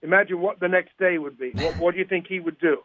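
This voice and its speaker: A man speaks as a caller on a live radio show. His voice sits a little high, and he tells things in an animated, repetitive way. The phone line makes him sound muffled and narrow. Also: quick pace, crowd noise. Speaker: radio show guest calling in.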